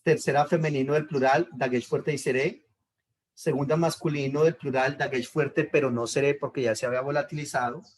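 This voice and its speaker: A male teacher walks his class through a lesson step by step. He speaks at an ordinary middle pitch, repeats each point patiently and pauses to check that everyone is following. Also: steady tone.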